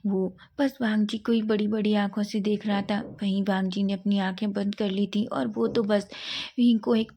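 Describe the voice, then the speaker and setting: A woman narrating a romantic fan fiction story in a steady, even reading. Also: mid-range voice.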